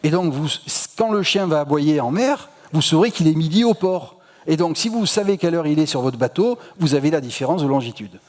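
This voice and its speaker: Chatty lecturer with a Marseille accent. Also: male voice, fairly high pitch, expressive, a little fast, a little mellow. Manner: chatty, slangy, many hesitations. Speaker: public lecturer. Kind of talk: casual popular-science talk. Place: lecture hall at an astronomy festival. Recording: reverberant lecture hall.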